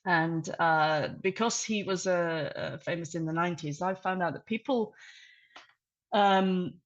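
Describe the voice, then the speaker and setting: A woman's voice: on the low side, a little slow. Woman presenting on a lo-fi video call. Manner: conversational with many fillers and restarts. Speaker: conference speaker.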